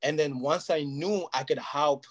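Unhurried and fairly high in pitch, this Portuguese-first-language man is a guest in a casual interview chat. He speaks earnestly and at length, frequently asking "you know what I mean".

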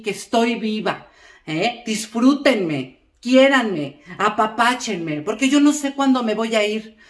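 A gossipy middle-aged mother, played by a woman rambles through a comic monologue, sprinkling little checks on her listener. Her voice sits a touch high. The recording carries a roomy echo. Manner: chatty, rambling, keeps asking "¿eh?" and "fíjate". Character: gossipy middle-aged Mexican mom lecturing family.

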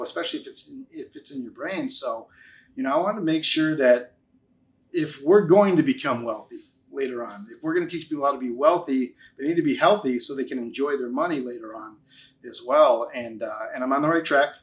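A man in his forties, a financial advisor, speaks conversationally as an interview guest, giving a testimonial and emphatically repeating key phrases. His voice is mid-range with a fairly bright tone.

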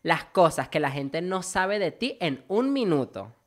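A woman's voice: on the low side, very animated, measured pace. Chatty woman podcast host. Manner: chatty and gossipy, slangy. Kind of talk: casual chat.

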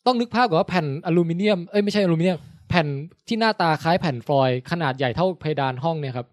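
Male podcast host, quick and eager science explainer; dry, close sound. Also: high-pitched, expressive, dry recording. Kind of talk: casual science chat.

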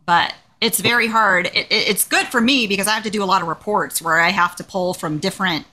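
Lively chatty woman, bright voice. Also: brisk, slight background noise. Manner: animated storyteller, jumps up in pitch for quoted voices. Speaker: podcast co-host. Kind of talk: casual chat.

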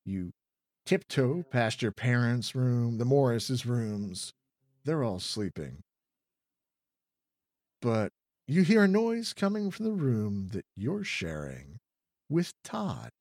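Mann, der langsam und dramatisch eine Gruselgeschichte vorliest. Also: male voice, medium pitch, very animated, a little mellow, no echo, clean studio sound. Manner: dramatic, drawn-out storytelling. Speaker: reader. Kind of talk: reading a children's horror gamebook aloud.

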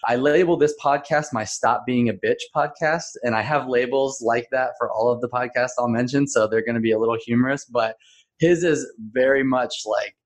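A man's voice: medium pitch, normal speed. A man speaking as a podcast guest in casual chat, easygoing and laughing between points.

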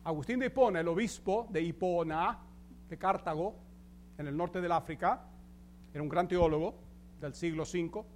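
A man's voice: high voice, moderate pace, pauses often, a little hiss or hum. A man preaching as pastor, emphatic and addressing the congregation with questions. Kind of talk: sermon.

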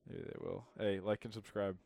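A man's voice: on the low side, level tone, moderate pace, gravelly, darkish tone. A man from Minnesota, a guest on a podcast, joking in a dry, teasing way. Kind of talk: casual chat.

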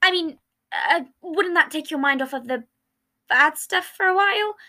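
A woman's voice: high voice, moderate pace, bright, forceful tone, pitched above the performer's own voice. A woman voicing a manic, morbid young man who blurts out gory jokes while reading fan fiction aloud. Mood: eager.

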